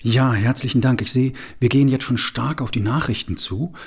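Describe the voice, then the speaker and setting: An actor playing a radio host who moderates politely and briskly toward the news. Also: male voice, mid-range voice, breathy edge. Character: radio show host wrapping up an anniversary broadcast. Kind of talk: radio play acting.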